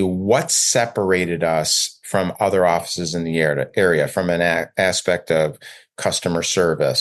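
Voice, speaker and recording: A man hosting a solo business podcast, talking conversationally with fillers and self-corrections. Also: low voice. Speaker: dental practice coach and podcast host.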